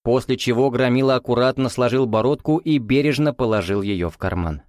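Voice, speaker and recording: Male audiobook narrator, mid pitch, measured delivery, dry close sound. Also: darkish tone, no room sound. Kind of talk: scripted narration.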